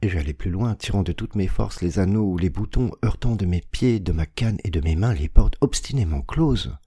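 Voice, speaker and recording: A man reading a classic story aloud as an audiobook narrator, in a measured, dramatic style that slows on images and swells at tense moments. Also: low voice, animated, mellow, husky, no echo, studio quality. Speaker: audiobook reader.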